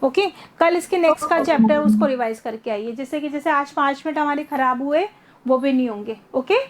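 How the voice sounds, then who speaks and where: High-voiced woman teacher explaining patiently. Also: brisk. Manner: patient, explains step by step, asks students questions. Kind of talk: online class lesson.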